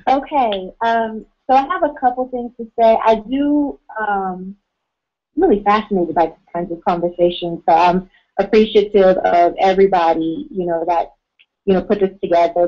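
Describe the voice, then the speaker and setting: A woman calling in to a radio show over the phone, speaking earnestly and at a measured pace with frequent ums. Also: mid-range voice, warm tone. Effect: heard over a phone line into a radio show. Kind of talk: call-in talk radio. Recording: dull lo-fi phone-line sound.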